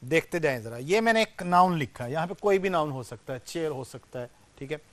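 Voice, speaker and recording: A man's voice: on the high side, animated, a bit bright, no echo. Grammar teacher, a man lecturing a class. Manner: explains step by step, often asks "ठीक है?"; volume rises and falls sharply, slows to stress example sentences.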